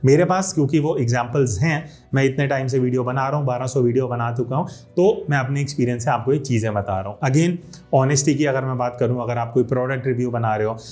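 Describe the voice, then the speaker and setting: A man's voice: medium pitch, fast talker, a little mellow. A man in his thirties, a YouTube creator, giving casual spoken tips to camera and stressing key words as he explains, mixing English words into Hindi. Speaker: YouTube creator teaching video skills. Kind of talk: casual instructional talk to camera. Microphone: studio microphone.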